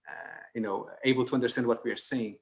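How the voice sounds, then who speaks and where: Moderating an online conference panel, a man speaks with a gravelly, steady tone in an ordinary middle pitch. His delivery is halting, full of fillers and restarts as he works toward each point.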